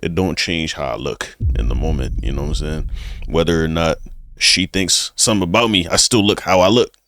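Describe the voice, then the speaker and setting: A man's voice: low voice, brisk, a bit bright, dry recording, studio quality. A young man hosting a reaction video, chatting casually in loose slang and calling his viewers bro. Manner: laid-back slangy banter, addresses viewers as bro.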